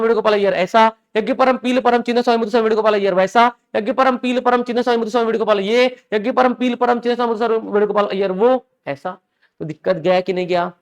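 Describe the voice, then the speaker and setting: एक पुरुष शिक्षक कक्षा में हिंदी और अंग्रेज़ी मिलाकर व्याकरण पढ़ाता है। वह बार-बार छात्रों से सवाल पूछता है कि वे समझ रहे हैं या नहीं, और ज़रूरी बातें दोहराता है।. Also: male voice, high voice, fairly bright tone. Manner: keeps asking the class questions and checking they follow; repeats key phrases and examples for drilling. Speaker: English teacher. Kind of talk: live classroom lecture in Hindi mixed with English. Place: classroom with students.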